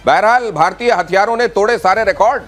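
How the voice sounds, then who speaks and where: A man's voice: high voice, a little fast, a bit bright, soft background music. A man anchoring a TV news debate in a studio, reading bulletins with dramatic, rhetorical flair.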